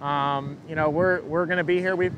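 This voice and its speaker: A man giving an unscripted live weather update as a forecaster, answering questions in a halting way and repeating words as he thinks. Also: steady tone, muffled recording. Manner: hesitant, halting, repeats words mid-thought. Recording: engine rumble and wind noise.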